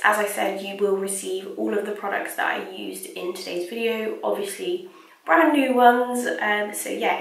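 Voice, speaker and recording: Chatty young woman, gravelly fry. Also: mid-range voice, a bit bright, far from the mic. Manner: chatty, loose, full of "like" and "kind of". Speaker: beauty vlogger. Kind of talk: casual skincare review chat. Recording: echoey room, mic set back.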